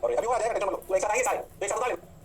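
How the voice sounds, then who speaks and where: Brief: high, very fast male tutor who asks and answers his own questions. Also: slight background noise. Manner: drawn-out exclamations. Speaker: physics teacher. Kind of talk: fast classroom lecture.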